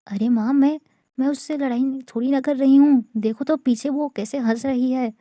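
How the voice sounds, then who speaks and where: A woman's voice: high-pitched, steady tone, moderate pace, warm tone, no echo, studio quality, close to an everyday voice. Woman doing a protesting exasperated young woman.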